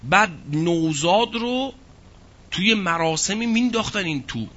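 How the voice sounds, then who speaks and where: A man giving a religious lecture who recites verses slowly and explains them with rhetorical questions. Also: high voice, animated, pushed and bright. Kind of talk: Quran exegesis lecture. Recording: dull lo-fi recording.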